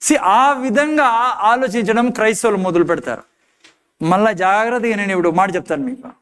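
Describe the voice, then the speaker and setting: A man's voice: fairly quick, a bit bright, smooth. A man preaching a sermon as pastor, emphatic, firing off rhetorical questions. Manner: emphatic preaching, repeated rhetorical questions, acted quotes in low despairing tones.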